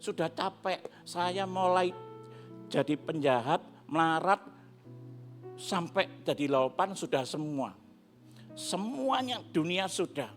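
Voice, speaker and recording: A man's voice: high-pitched, lively intonation, takes it slowly, long pauses, soft background music. A middle-aged man with an East Javanese accent giving a fervent, story-driven church testimony. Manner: fervent, storytelling, switches into dialect. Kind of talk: emotional testimony sermon. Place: church service.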